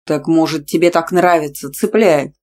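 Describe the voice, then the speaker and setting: A woman's voice: low-pitched, normal speed, a little mellow, natural voice. A woman voicing a brash, muscular young dragon-shifter man who talks bluntly and teases. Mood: teasing. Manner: blunt, teasing.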